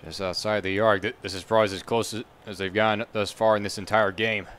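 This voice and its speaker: A man's voice: lowish voice, steady tone, a little fast, a bit bright. A man giving conversational, explanatory color commentary on a live soccer match.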